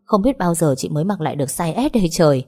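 A woman's voice: fairly low pitch, lively intonation, fast, warm tone. A woman voicing a young pregnant woman who turns from affectionate to shrieking and sobbing in pain.

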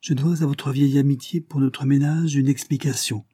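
A man's voice: medium pitch, steady tone, moderate pace, dark tone, breathy edge, no room sound, clean studio sound, pitched above the performer's own voice, lightly acted. A man reading the lines of an anguished young mother, in a pleading, weary voice heavy with grief. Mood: solemn. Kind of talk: audiobook character reading.

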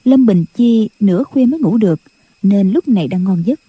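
A woman's voice: mid-range voice, normal speed, husky, dry recording. A woman narrating a martial arts novel as an audiobook, telling the story evenly and voicing the characters. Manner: even storytelling delivery with voiced character lines. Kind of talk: scripted narration.

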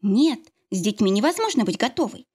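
A woman's voice: on the high side, very animated, a little fast, a little mellow, husky. A woman voicing a caring young mother and priestess who reassures her friend. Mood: reassuring.

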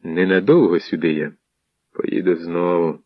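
A man reading an imperious, hoarse, scornful boyar in an audiobook. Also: sits low, steady tone, unhurried, no echo. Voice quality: hoarse, domineering. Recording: dull muffled audio.

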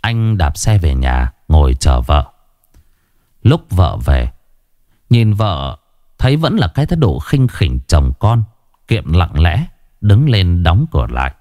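Male horror narrator, deep voice, expressive, dry close mic. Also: slow, no echo. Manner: dramatic, shifting delivery. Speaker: storyteller. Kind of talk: dramatic horror story narration.

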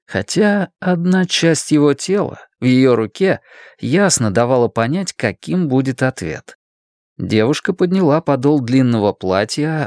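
This is scripted audiobook narration by a man whose mid-range voice tells the story with measured expressiveness. The sound is clean studio audio, fully dry.

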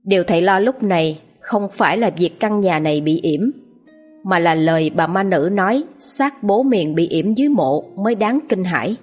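A woman narrating a ghost story in a slow, steady reading voice. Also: lowish voice, slightly rough, soft background music.

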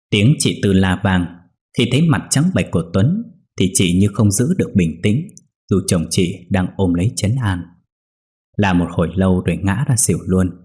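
A man's voice: low-pitched, dark tone, slightly rough. A man narrating a ghost story steadily.

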